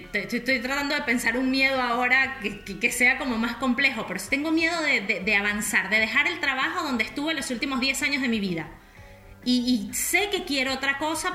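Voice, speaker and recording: A woman's voice: on the high side, bright, forceful tone. A woman with a Rioplatense Spanish accent, chatting in a casual, reflective way and full of little fillers as she thinks aloud. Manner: chatty, with many "o sea" and "no sé" fillers. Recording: echoey room, faint music.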